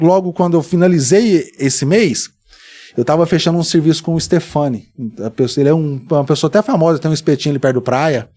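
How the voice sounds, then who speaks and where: Speaking with a Brazilian Portuguese accent, this male podcast guest animatedly recounts a story in a casual interview, performing the dialogue as he goes. His voice sits fairly high and sounds mellow.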